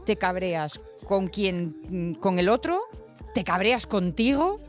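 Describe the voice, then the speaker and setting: A woman co-hosting a radio show, chatting in a lively, conversational way. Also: mid-range voice, slow pace, faint music behind. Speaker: radio co-host. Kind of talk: casual radio chat. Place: radio studio.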